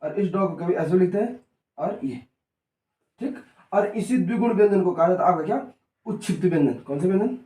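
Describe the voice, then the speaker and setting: Male tutor, high voice, repetitive call-and-response drilling; distant mic in a roomy classroom. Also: animated, brisk, long pauses, dark tone. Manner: call-and-response drilling, repeats each answer. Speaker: teacher. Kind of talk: classroom lesson. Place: coaching classroom. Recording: echoey room, mic far off.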